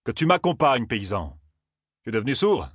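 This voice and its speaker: A man's voice: mid-range voice, sing-song, moderate pace, a bit bright, breathy edge, no room sound, studio quality, voice pushed up. A man doing a curt, stern warrior. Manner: curt, scornful.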